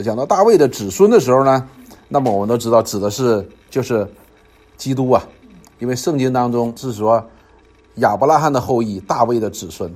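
A man leads a Bible study, his voice a little husky. His pitch swings widely as he explains, and he loops back over phrases with filler particles. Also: a little mellow.

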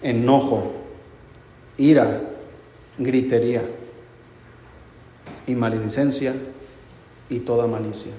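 A male pastor delivers a sermon in a relaxed, conversational way, slipping in humorous anecdotes. His voice sits at an ordinary pitch for a man. The sound carries a roomy, long church-hall reverb with faint background noise. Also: slow pace, long pauses.

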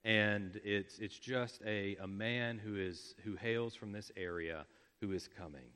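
A man's voice: on the low side, measured pace, smooth. Man preaching in an echoing hall. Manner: explains scripture with emphatic repetition and hushed drops. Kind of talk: sermon. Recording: long reverb of a large hall.

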